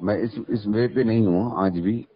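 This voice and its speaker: Low-voiced man rattling on over a phone line. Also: racing. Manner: earnest, formal religious vocabulary, long explanations. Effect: heard over a phone line. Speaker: online video maker taking a call. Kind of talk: casual phone conversation. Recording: muffled phone call recording.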